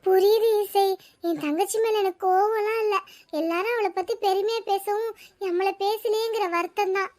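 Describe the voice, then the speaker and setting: A very high-voiced cartoon schoolgirl, an older sister who feels ignored. She talks in a mopey, complaining way. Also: steady tone, normal speed, a little mellow. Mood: reconciled. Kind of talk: cartoon voice acting.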